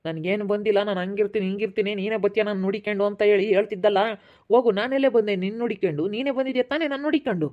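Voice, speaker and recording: A man's voice: high-pitched, highs cut off, lightly acted. A man playing a stern village father who harshly scolds his wife and daughter. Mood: scolding. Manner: harsh, scolding, fast-talking.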